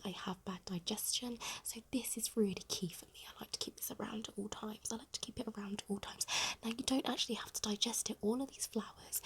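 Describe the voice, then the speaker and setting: A British woman performs a whispered role-play in a fast, aggressive ASMR manner. Her voice is extremely breathy and right up at the microphone. She rambles along, looping short phrases in quick repetition. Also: mid-range voice. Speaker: ASMR creator. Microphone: very close microphone.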